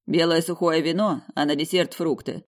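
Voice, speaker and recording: A woman's voice: low voice, fairly even intonation, moderate pace, lightly acted. A confident nobleman with a pompous, self-satisfied intonation, voiced by a woman reading the audiobook. He stays close to the narrator's own voice, marked more by attitude than by any change of tone. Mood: smug. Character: confident male duke, pompous and teasing.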